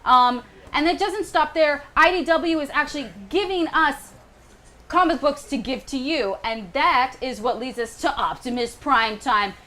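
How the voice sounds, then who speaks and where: High-voiced woman hosting a live show. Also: a little slow, pushed and bright. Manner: upbeat, running the segment and cueing the crew. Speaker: host.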